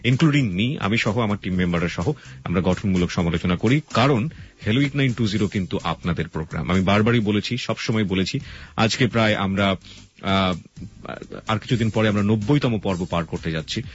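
Man, Bangladeshi accent, low voice, radio host addressing listeners, explanatory, dull lo-fi broadcast. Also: lively intonation, brisk. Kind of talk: live radio hosting, talking to listeners.

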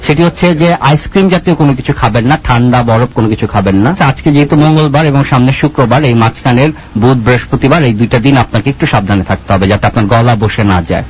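A man hosting a radio prank call, giving instructions in a calm, measured way with small hesitations. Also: mid-range voice, a little hiss or hum. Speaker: radio prank show host. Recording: dull lo-fi radio phone recording.

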